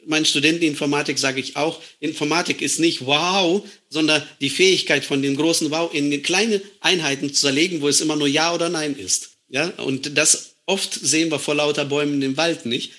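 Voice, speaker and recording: Bright-voiced man explaining with examples. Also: fairly high pitch, normal speed, few pauses. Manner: explains with everyday examples, animated. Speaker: computer science lecturer. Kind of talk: casual conversation.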